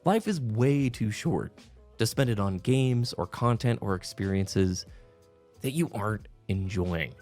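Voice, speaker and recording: A man's voice: on the low side, animated, unhurried, a little mellow. A man giving earnest, reflective opinion commentary to viewers, speaking with emphasis. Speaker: video game commentator. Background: background music.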